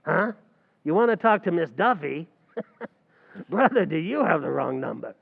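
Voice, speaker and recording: A man plays Archie, a brash, fast-talking New York bartender who lectures like a know-it-all and keeps mangling his big words. His high, gravelly voice bounces all over in a sing-song, unhurried, heavily acted way. The dull, lo-fi sound recalls old-time radio comedy.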